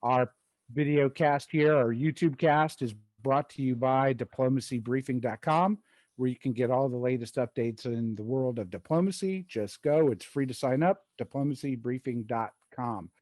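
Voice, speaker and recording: Male podcast host, mid pitch, halting and restarting questions; dry, close recording. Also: a little mellow, dry recording. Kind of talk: podcast interview.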